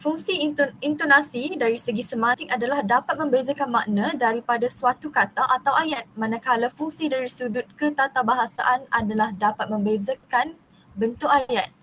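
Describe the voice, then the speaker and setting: Her fairly high voice keeps a steady, moderate rhythm as she reads a class presentation for university, though long technical terms make her falter and begin again. This young Malaysian speaker is captured on poor audio with a faint hiss underneath.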